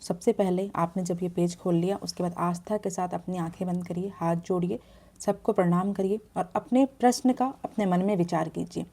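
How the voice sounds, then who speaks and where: A woman hosting a devotional video, giving earnest step-by-step instructions in a calm explaining way. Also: lowish voice, moderate pace.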